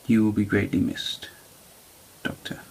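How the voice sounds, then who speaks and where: A man presenting a card trick to camera in halting, deliberate magician's patter, with a low, creaky voice. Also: a bit bright. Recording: faint background noise.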